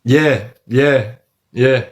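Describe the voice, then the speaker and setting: Casting: Australian male livestream host, casual storyteller, heavy eshay street slang, mid-pitched voice. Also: drawn-out words. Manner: Aussie eshay street slang, says lad and bro often.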